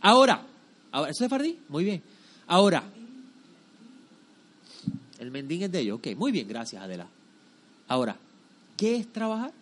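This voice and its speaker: A man's voice: on the high side, very animated, normal speed, pauses often, a bit bright. A man giving a sermon-like religious lesson to a group, emphatic and didactic, often repeating phrases and asking rhetorical questions. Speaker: religious teacher.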